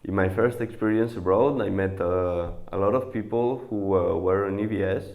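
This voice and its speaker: A man in his twenties from Spain, speaking English as a volunteer, talking to camera with many pauses and fillers. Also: low voice, phone-quality sound. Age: 20s. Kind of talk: interview to camera.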